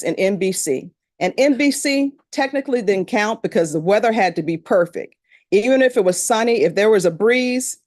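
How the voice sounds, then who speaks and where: A middle-aged Louisiana woman serving as a judge tells a jury panel things in a plain, conversational, storytelling manner, her Louisiana accent clear. Her mid-range voice is a little mellow, captured in a clean, dry studio recording.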